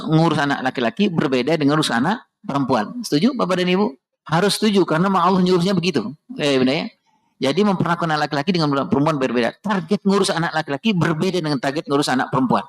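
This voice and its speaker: A middle-aged man delivers a heartfelt storytelling sermon on parenting in a mosque. His voice is gravelly and sits slightly high. He keeps drawing the congregation in by addressing them directly. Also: lively intonation, fast talker. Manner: emotional, addresses the audience directly and often. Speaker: parenting speaker at a mosque study session.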